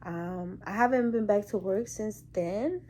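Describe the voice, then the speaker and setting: Brief: young woman, hospital care worker, lively slangy storyteller, mid-pitched. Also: a little slow, a little hiss or hum. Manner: animated, colloquial storytelling. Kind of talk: casual story-time vlog.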